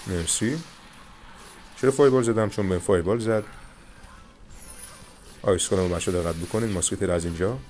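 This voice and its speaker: A young man commentating his own mobile game match, calmly coaching viewers through each move. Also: deep voice, long pauses, a little hiss or hum. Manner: coaching viewers, calm reassurance. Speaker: gaming channel host. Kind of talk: live gameplay commentary with tips.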